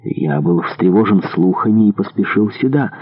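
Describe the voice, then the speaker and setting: A man's voice: lowish voice, expressive, moderate pace, breathy edge, big-room sound. A man voicing a noble male duke who speaks formally and courteously. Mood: courtly. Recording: tinny narrow-band audio.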